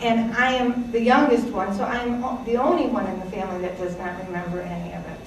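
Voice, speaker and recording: This presenter, a Greek woman in her sixties, talks briskly in a fairly high voice as she shares her family's immigrant story with an audience. Her personal history talk is chatty and dotted with fillers and little laughs. Slight background noise comes through, and she is recorded from afar in a reverberant hall.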